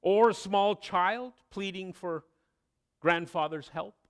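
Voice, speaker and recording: A man preaching a sermon, telling a story with expressive delivery and dramatic pauses. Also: high voice. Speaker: pastor.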